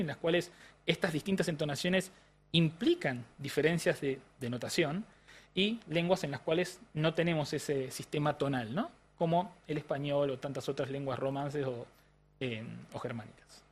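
An Argentine man with a slightly raised voice explains brain and language research in an interview. He talks like a patient teacher, restarting phrases and often checking that the listener follows. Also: a little high. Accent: Argentine Spanish. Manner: frequent restarts and hesitations. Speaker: language neuroscientist guest.

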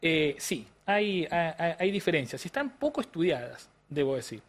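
A man's voice: a little high, very animated, moderate pace. A man with a Rioplatense Spanish accent, explaining science in a didactic interview style with frequent tag questions. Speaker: neuroscientist guest.

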